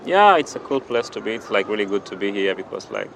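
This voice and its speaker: A man's voice: lowish voice, big pitch swings, fast, creaky, background noise. A young man from Kenya, a university student, talking easily in a park interview. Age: young adult. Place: outdoor city park.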